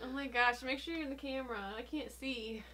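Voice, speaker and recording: A woman's voice: high voice, a little fast, fairly bright tone. A middle-aged woman chatting casually on a vlog in a giggly, flustered manner. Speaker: mother giving a makeover challenge. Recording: clear background noise.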